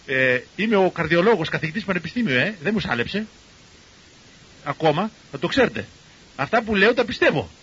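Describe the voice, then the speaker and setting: An older man, a cardiologist, tells stories to an audience in a lively way and acts out the people he quotes. His voice is husky. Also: high-pitched, muffled recording. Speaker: cardiologist and university professor giving a talk. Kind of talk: storytelling talk to an audience.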